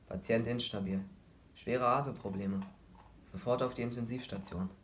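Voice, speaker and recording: A man's voice: mid-range voice, fairly even intonation, moderate pace, a little hiss or hum, lightly acted. Audiobook: male narrator plays terse ER medic, clipped and urgent.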